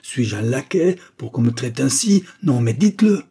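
A man's voice: medium pitch, normal speed, mellow, slightly rough, natural voice. A man voicing a bitter, grieving male doctor who lashes out indignantly, hammering each word. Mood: furious, contemptuous.

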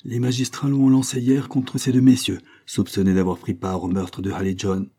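A man gives voice to a courteous, firm police officer making an arrest in a storybook, his delivery a touch higher and louder than his plain reading. The voice keeps a mellow, slightly husky grain. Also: monotone, normal speed. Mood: polite firm. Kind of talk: audiobook character reading.

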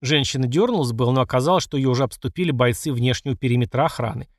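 A man reading an audiobook narration in an expressive, wry way. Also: medium pitch, rapid-fire, no echo, clean studio sound. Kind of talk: scripted narration.

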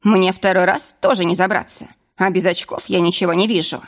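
A woman's voice: fairly low pitch, fairly even intonation, brisk. Female reader as clumsy tipsy young man, rueful, storybook. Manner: rueful, complaining.

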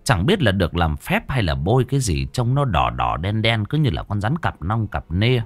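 A man narrating a ghost story in an expressive, dramatic way. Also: on the low side, normal speed, dry recording.

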